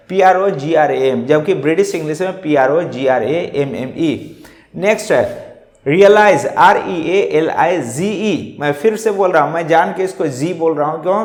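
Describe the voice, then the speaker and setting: A man gives a classroom-style lesson in a room that rings with echo. His voice sits a little high for a man, and he spells words out letter by letter, pausing to ask and answer his own questions. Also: a little mellow. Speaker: English teacher. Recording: echoey room.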